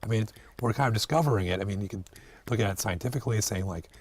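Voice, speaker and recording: A man's voice: on the low side, very fast, slightly rough. A man in his late forties, an acupuncturist guest speaking reflectively in an interview, hesitant with many fillers and restarts. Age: 40s.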